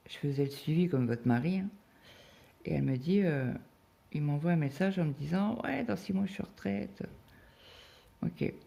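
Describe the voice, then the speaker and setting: A low-pitched, gravelly, mellow voice belongs to a fifty-something craft vlogger chatting as she works on her cross-stitch. She tells stories loosely, leaning on hesitations and tag words, and the audio comes from a phone.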